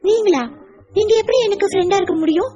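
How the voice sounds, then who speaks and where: A woman's voice: very high voice, fast, warm tone, muffled recording. A woman voicing a stubborn, hurt little girl in an insistent, childlike way for an audiobook. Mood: earnest. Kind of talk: audiobook character voice.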